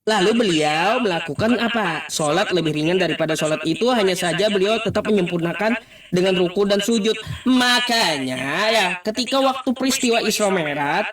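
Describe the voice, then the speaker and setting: A man's voice: sits high, moderate pace, a bit bright, roomy sound, distant mic. A man in a religious debate who cites his sources by number, fills his speech with short tag words, and teases his opponent.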